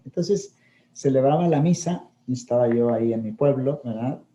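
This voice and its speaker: Middle-aged male priest, very warm dark timbre; reflective conversational homily. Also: mid-range voice, normal speed, muffled recording. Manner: reflective, often checks in with listeners with tag questions. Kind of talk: conversational talk on grief.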